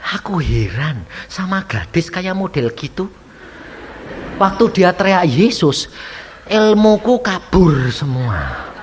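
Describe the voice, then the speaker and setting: A man's voice: high-pitched, sing-song, slow, a little hiss or hum, pitched above the performer's own voice, exaggerated voice. A man voicing a large, violent criminal who speaks in a puzzled, wondering way. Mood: baffled. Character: hulking brutal male criminal, now baffled.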